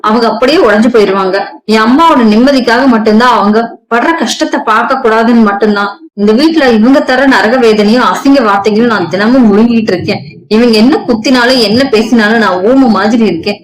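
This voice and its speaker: A woman's voice: a little high, brisk, natural voice, rough recording. A woman voicing a meek, overworked young daughter-in-law who speaks in a pleading, sorrowful way.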